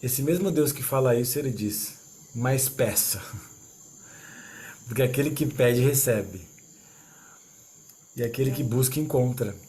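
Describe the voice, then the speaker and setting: A man leading a church meeting, explaining a Bible passage in a relaxed, conversational way. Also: medium pitch, a little slow, pauses often, a little hiss or hum. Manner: relaxed and conversational, full of tag questions. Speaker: leader of a church small-group meeting. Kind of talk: informal Bible teaching.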